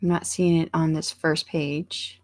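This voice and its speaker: A woman's voice: low-pitched, level tone, a little slow. A woman hosting a focus livestream, reading viewers' comments aloud and chatting casually with plenty of ums and restarts. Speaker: livestream host reading chat. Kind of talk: casual chat.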